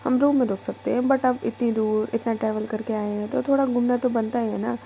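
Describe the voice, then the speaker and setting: A woman's voice: on the high side, steady tone, a little fast, gravelly, dark tone, soft background music. A woman voicing a playful young wife who teases and reassures her partner in a told love story. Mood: reassuring. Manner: teasing, reassuring. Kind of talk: storytelling with dialogue.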